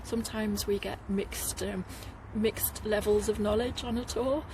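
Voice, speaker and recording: Outdoors at a garden site, a middle-aged woman from Liverpool, England, guides a tour and talks casually to the camera in her Liverpool accent. Her medium-pitched voice is unhurried with fairly even intonation, she laughs frequently, and the background is noisy.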